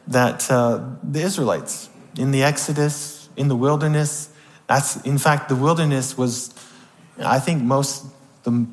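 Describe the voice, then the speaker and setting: A man teaching an informal Bible class, talking conversationally and often checking in with his listeners. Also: medium pitch. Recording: long hall reverb.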